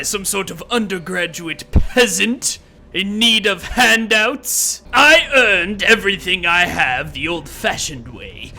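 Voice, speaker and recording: A man hosting a let's play puts on a smug, pompous demon-scientist villain, gloating and sneering through the game commentary with hammy theatrical flair. His exaggerated voice sits high, swooping widely between sarcastic lows and dramatic peaks, with a very bright, cutting tone.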